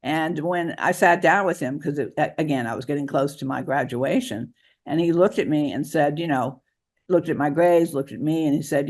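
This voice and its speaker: Speaking in a fairly high voice, a man answers interview questions as a guest author and advocate. His delivery is halting, full of restarts.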